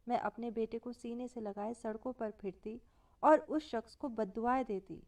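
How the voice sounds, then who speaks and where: Storyteller: a woman narrating a sad family tale, higher voice set back from the mic, does all the quoted lines herself. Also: darkish tone, recorded from a distance. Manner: quotes every speaker in her own voice. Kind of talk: first-person story narration.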